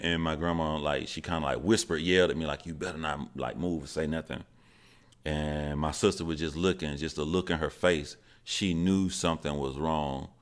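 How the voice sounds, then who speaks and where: A man, telling a personal story in a candid, halting, earnest way. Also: extremely low pitch. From Georgia, USA. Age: 40s.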